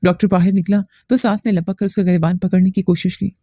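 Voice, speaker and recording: Woman storyteller, warm mellow voice, dry close sound, steady somber reading. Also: mid-range voice, fast, no room sound. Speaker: narrator. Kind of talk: scripted first-person story narration.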